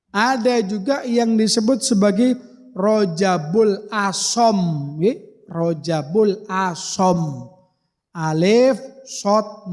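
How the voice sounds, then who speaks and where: A high-pitched man delivers a mosque sermon in a folksy, explanatory way. He breaks Arabic words down letter by letter for the congregation. His voice carries a long reverb through the hall. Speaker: preacher.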